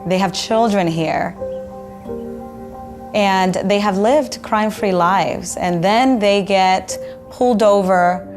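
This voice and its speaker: A woman from the Dominican Republic, an immigration attorney, speaking earnestly in a measured documentary interview. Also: medium pitch, darkish tone, faint music behind.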